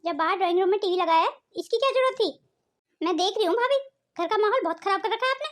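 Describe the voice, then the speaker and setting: A woman voicing a shrill, bossy, quarrelsome daughter. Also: animated, quick pace. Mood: accusing. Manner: accusing, sharp-tongued, bossy. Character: quarrelsome hot-tempered married daughter visiting home. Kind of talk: cartoon family drama voice acting.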